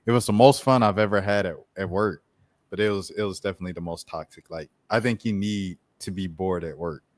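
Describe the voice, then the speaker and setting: Male co-host, relaxed slangy anecdote, lowish voice, dry mic. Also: fairly quick, no echo. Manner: laid-back slang-filled storytelling. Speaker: podcast co-host. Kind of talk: casual chat.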